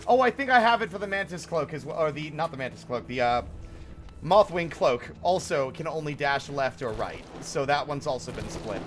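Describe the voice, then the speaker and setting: Male game streamer, slightly high animated voice, casual rambling commentary, music underneath. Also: moderate pace, a little hiss or hum. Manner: sweary, thinking aloud.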